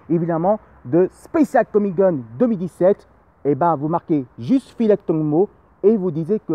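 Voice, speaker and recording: A man's voice: high voice, muffled recording. A man giving a casual spoken film review, rambling and repeating himself with many fillers.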